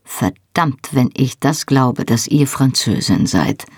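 A cold, measured army captain questions his captive with sarcastic patience, as a woman narrator puts him on. The voice sits low and husky, with a gravelly edge. The recording is close and dry. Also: animated, dry recording, heavily acted. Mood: cold, stern. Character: stern, sarcastic male army captain interrogating. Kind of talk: audiobook reading.

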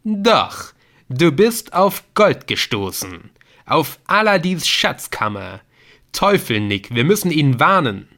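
A man voicing an excitable young man in an audiobook, talking urgently and emphatically. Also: mid-range voice, a little slow, voice pushed up. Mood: excited. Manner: urgent, emphatic, a little brash.

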